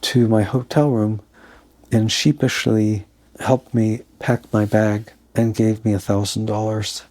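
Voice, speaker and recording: A middle-aged man telling his own life story in a reflective, halting way, with restarts. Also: fairly low pitch, level tone, darkish tone. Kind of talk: personal storytelling.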